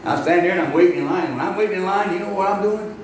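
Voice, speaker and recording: A man's voice: high-pitched, fast. A man preaching a folksy, exclamatory sermon full of "amen" and "man". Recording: echoey room with faint background noise.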